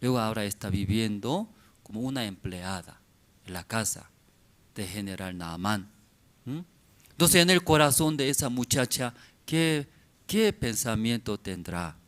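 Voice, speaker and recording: A male pastor preaching a sermon at a church service, in halting, simple phrases, often asking the congregation questions. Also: lowish voice, expressive, fairly bright tone. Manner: halting, simplified phrasing with many pauses and fillers.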